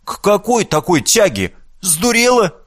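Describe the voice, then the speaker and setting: A man's voice: high voice, animated, measured pace, fairly bright tone, voice pushed up, full character voice. A man voicing an indignant, easily offended young woman in an audiobook. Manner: indignant, whiny.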